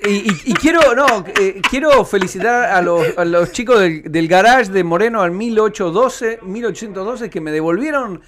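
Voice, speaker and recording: A man's voice: sits high, lively intonation, normal speed, few pauses, crowd noise. A man with an Argentine accent protesting and joking on a comedy radio show. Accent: Argentine Spanish.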